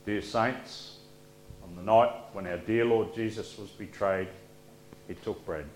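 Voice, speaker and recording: Slow solemn pastor in echoing church. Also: male voice, fairly low pitch, steady tone, darkish tone. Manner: measured, solemn liturgical reading. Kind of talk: leading liturgical prayers. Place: church sanctuary. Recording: echoey church room with faint hum.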